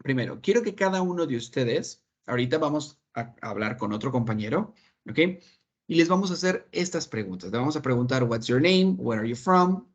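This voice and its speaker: A man's voice: mid-range voice, lively intonation, fairly quick. A man teaching an online English class, patiently explaining and checking that his students follow. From Mexico. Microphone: video call.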